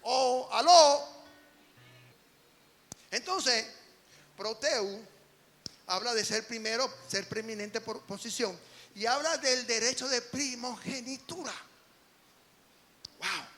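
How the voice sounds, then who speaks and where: A man preaching an emphatic sermon as an apostle, dropping to quiet lines and rising to shouts. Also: very high-pitched, takes it slowly, pauses often, long reverb tail.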